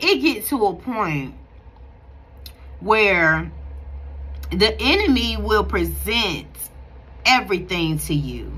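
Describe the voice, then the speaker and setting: A faith vlogger in her thirties speaks from a bright room at home, recorded close-up on a phone camera, offering casual devotional encouragement to her viewers. She talks earnestly and preachily in a conversational way, with lots of restarts. Her medium-pitched voice is sharp with a breathy edge, and the recording is rough.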